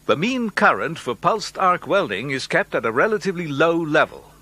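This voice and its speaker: A man narrating an industrial training film in a measured, instructive way, as a studio voice-over. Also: on the high side, pushed and bright, husky. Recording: faint music behind narration.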